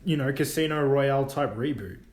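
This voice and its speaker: An excitable young man talks movies as co-host of a casual chat show, his voice sitting at an ordinary pitch. His words jump from topic to topic, often with bursts of enthusiasm. The room gives everything a noticeable echo. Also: fairly quick. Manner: animated, jumps between topics with bursts of excitement. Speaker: podcast co-host. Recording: roomy echo.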